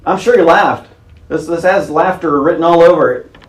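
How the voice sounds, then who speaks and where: A man's voice: on the high side, moderate pace. A male pastor preaching a conversational, wry sermon with chuckling asides. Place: church sanctuary. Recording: roomy church sanctuary.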